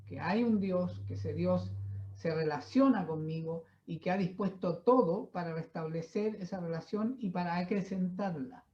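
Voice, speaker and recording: A woman giving a Bible teaching sermon at a church, in a measured, reflective way, often checking in with tag questions and pauses. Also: lowish voice, warm tone. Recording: slightly dull, muffled recording.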